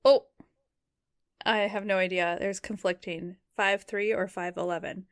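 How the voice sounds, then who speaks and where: A woman's voice: medium pitch, fairly even intonation, clear, resonant tone. Teasing woman podcast co-host. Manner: joking, teasing, quick banter. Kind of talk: casual true-crime chat.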